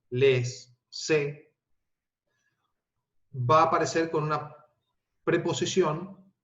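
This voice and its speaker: A male teacher giving a recorded grammar lesson. He explains patiently, rephrases often and checks in with his students. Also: mid-range voice. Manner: halting restarts and fillers. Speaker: language and literature teacher. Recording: echoey room, dull lo-fi sound.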